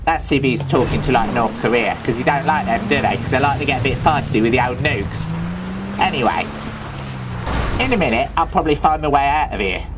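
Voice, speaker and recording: A man with a London Cockney accent playing a loveable, daft, thieving Cockney man in comedic gameplay commentary, rambling in chatty, absurd deadpan asides. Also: mid-range voice, brisk, music in the background, lightly acted. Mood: cheeky.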